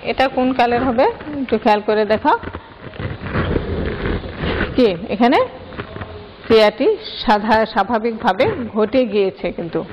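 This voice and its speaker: A woman's voice: a little high, unhurried, long pauses, background noise. A woman teacher explaining grammar step by step and putting questions to her students. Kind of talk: grammar lesson. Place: classroom. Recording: dull lo-fi sound with long hall reverb.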